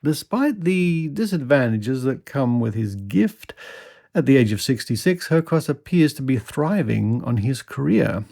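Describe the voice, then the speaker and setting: A man's voice: mid-range voice, sing-song, a little slow, vocal fry, mellow. A man hosting a podcast, reading an old news article aloud and dropping in wry little asides. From Australia. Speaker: podcast host.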